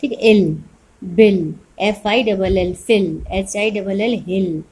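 Teaching phonics online to young kids, a woman spells each word out letter by letter before pronouncing it slowly, and poses questions only to answer them herself. Her voice is mid-range, slightly mellow, and husky.

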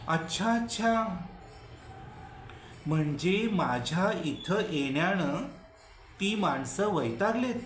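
Brief: male actor as a weary vulture, high, slow and pleading, with wry asides to hecklers. Solo stage monologue, roomy echo, faint music under it. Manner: pleading, wry, talking back to unseen hecklers. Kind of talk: Marathi solo dramatic monologue.

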